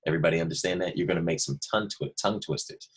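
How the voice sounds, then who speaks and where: Here a male second grade teacher speaks in a deep, slightly rough voice at a racing pace. In a remote lesson, he patiently guides young pupils through a worksheet, explaining each step and repeating what matters most.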